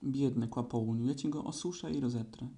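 A man's voice: medium pitch, brisk, mellow, lightly acted. A man voicing a kind, earnest young boy in a storybook reading, solemn and caring toward his friends.

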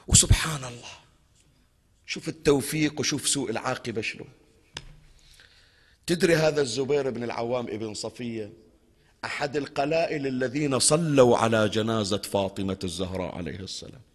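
A male preacher giving a religious lecture in a mourning hall, animated and asking his audience questions. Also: medium pitch. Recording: long hall reverb.

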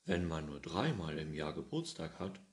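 A man's voice: very deep voice, very animated, normal speed. Pettersson, a grumbling old farmer, as a man reads him. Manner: grumbling and scolding.

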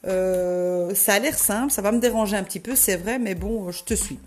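A woman's voice: mid-range voice, a little fast, lightly acted. A woman voicing an eager woman learner.

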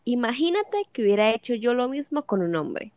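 A woman's voice: fairly high pitch, sing-song, moderate pace, dry recording, highs cut off. A woman voicing a jealous, bitter wife of fifty who keeps accusing and questioning her husband. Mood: furious. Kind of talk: audiobook dialogue reading.

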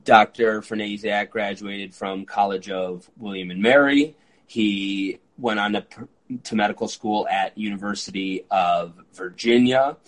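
A man in his early thirties hosting a podcast interview, eager and quick, with frequent fillers. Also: fairly low pitch, low-quality recording. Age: 30s. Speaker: podcast host. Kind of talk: conversational interview.

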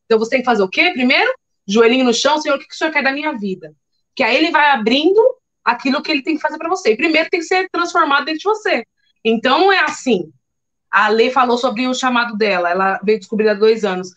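A woman telling a lively faith testimony in casual chat, acting out her own past words. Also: sits high, fast, muffled recording. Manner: animated storyteller, acts out her own past lines. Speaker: guest giving testimony.

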